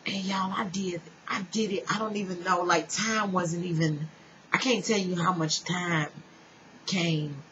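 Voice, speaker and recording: A woman giving an earnest personal spiritual testimony, speaking straight to her listeners and dropping now and then to a soft whisper. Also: on the low side, steady tone, measured pace. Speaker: spiritual storyteller. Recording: dull lo-fi sound with faint noise.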